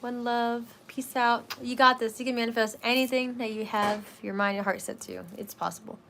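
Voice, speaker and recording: A woman hosting a wellness live stream, chatting casually and hesitantly with viewers, soft-spoken and relaxed, with many fillers. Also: on the high side, normal speed, slight background noise.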